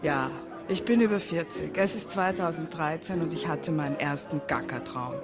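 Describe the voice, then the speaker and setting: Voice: mid-range voice, moderate pace, over loud music. A person in their forties giving a wry, self-mocking, reflective radio monologue. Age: 40s. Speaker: narrator.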